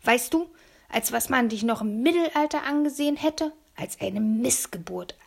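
A woman's voice: on the high side, lively intonation, moderate pace, vocal fry. A woman voicing a brutish, menacing grown male kidnapper in an audiobook, growling, sneering and turning falsely sweet. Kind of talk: audiobook character voice.

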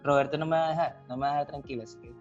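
A man in a casual chat who speaks haltingly and hesitantly. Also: fairly high pitch, fairly even intonation, muffled recording, soft background music. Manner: hesitant, halting, many restarts.

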